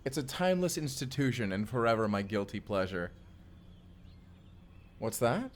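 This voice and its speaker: A man acts out an intimate romantic audio roleplay addressed to the listener, playing a tender, boyish husband from the future who rambles bashfully in a playful, affectionate mood. His medium-pitched voice has a sing-song lilt, moves at a moderate pace, and sounds close to everyday speech. There is a little hiss or hum in the background.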